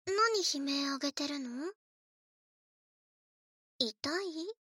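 A woman's voice: high voice, drawn-out words, a bit bright, dry recording, clean studio sound, exaggerated voice. A woman voicing a spoiled, eerily sweet little girl in a scripted role-play, cutesy and coaxing as she speaks to the listener as if to her doll. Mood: mock-concerned. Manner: cutesy, coaxing, childlike, refers to herself in third person.

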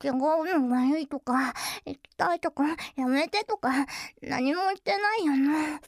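A woman voicing a teasing, seductive adult younger-sister character in an intimate audio drama, speaking softly and slowly with frequent giggles. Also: high voice, lively intonation, no echo. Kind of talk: intimate audio role-play.

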